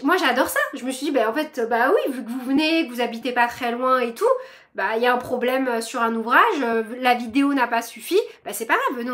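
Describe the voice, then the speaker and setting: A woman's voice: on the high side, a bit bright. A young woman, hosting a crochet vlog and chatting to her viewers in a bubbly, rambling way full of fillers. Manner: bubbly, self-described chatterbox, lots of fillers. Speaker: crochet channel host.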